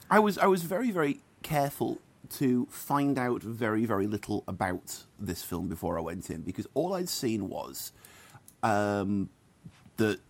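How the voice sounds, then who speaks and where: Low-voiced guy doing a movie review, lively and opinionated. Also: no echo. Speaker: film reviewer. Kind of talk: casual film review chat.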